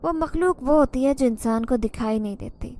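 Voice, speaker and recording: Storybook part: a worried, protective father, played by a woman narrator, loud and emphatic, higher voice with soft warm timbre. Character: worried middle-aged father, firm and protective.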